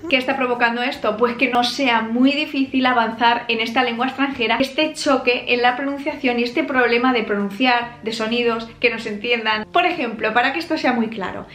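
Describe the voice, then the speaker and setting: A woman with an accent from Spain, explaining a language lesson clearly and patiently, with examples. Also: fairly high pitch, a little fast, few pauses, a bit bright, echoey room. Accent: Spain Spanish. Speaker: language teacher.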